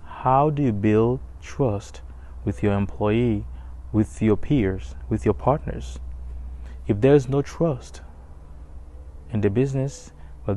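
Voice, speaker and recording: Slow, dark-voiced man from Haiti. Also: on the low side. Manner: hesitant, many fillers and restarts. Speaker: businessman, call center manager. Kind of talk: motivational talk.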